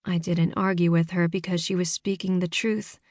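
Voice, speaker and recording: A woman reading first-person scripted narration for an audiobook in a measured storytelling manner, in a studio. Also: lowish voice, level tone, a little mellow, no echo.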